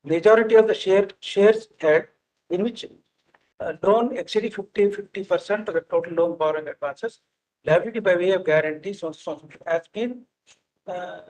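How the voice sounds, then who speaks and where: A man with an Indian accent making oral legal submissions as senior counsel, halting and repeating his words. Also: sits high, a little mellow, rough recording. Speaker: senior counsel arguing in court. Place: courtroom, live-streamed hearing.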